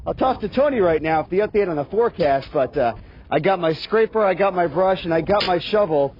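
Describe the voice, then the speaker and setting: A man's voice: high voice, animated, fairly quick. A man with a Baltimore accent doing a live outdoor weather report, upbeat and folksy, talking to viewers as folks. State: out of breath. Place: outdoors on a city street in snow. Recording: dull broadcast audio with faint noise.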